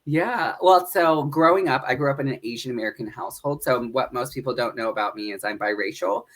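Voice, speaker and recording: A man's voice: mid-range voice, fairly quick, fairly bright tone. Upbeat man telling his story. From northeastern Pennsylvania. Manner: earnest and upbeat, with frequent fillers and laughs. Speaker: podcast guest, drag performer and educator. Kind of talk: casual interview conversation.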